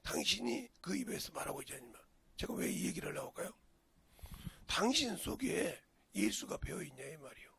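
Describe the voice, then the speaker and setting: A man's voice: high-pitched, big pitch swings, brisk, vocal fry, a crowd in the background. An older man with a Jeolla Korean accent, a pastor preaching a folksy, storytelling sermon with sudden emphatic rises. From Jeolla region, Korea.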